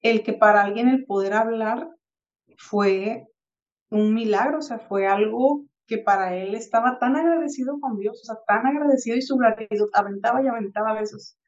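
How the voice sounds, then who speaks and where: Mexican woman, 30s, slightly high voice, casual storytelling podcast, muffled lo-fi sound. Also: normal speed. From Tijuana, Mexico. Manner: reflective, animated anecdote-telling with acted-out quotes. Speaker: podcast co-host.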